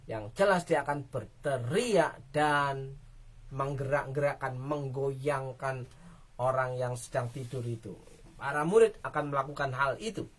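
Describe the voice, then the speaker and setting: A woman's voice: a bass voice, a little slow. A woman pastor delivering a dramatic sermon, speaking directly to her congregation.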